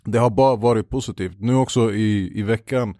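A man's voice: lowish voice, dark tone, no echo, studio quality. A man chatting casually as a podcast guest about making his TV show. He talks in loose slang and drops English phrases in. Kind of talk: casual chat.

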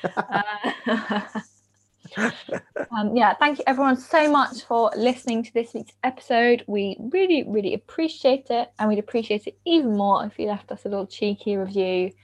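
A woman's voice: fairly high pitch, moderate pace. A woman co-hosting a podcast in casual chat, playful and teasing. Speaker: podcast co-host.

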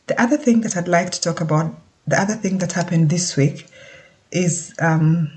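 A speaker from Kenya, giving a casual spoken update in a halting, thoughtful way and often pausing to search for words. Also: mid-range voice, a little mellow.

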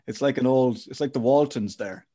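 A man's voice: mid-range voice, warm tone, slightly rough. A man hosting a casual podcast interview, informal and rambling as he thinks aloud.

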